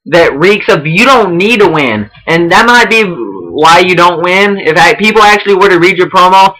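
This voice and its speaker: A man's voice: high voice, lively intonation, moderate pace, pushed and bright, low-quality recording. A young man giving casual spoken feedback, rambling and profane with many restarts. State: out of breath. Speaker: online wrestling roleplay host giving feedback.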